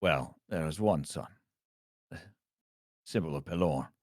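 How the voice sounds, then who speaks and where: A man with a very deep voice runs a tabletop game, explaining things loosely and full of fillers. The sound is dry and close to the mic. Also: unhurried, no room sound. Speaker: game master.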